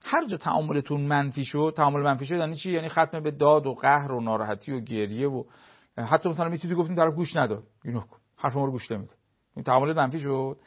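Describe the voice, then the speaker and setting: A man's voice: on the high side, highs cut off. A man giving advice on a talk show, explaining his points with everyday examples and short acted-out dialogues.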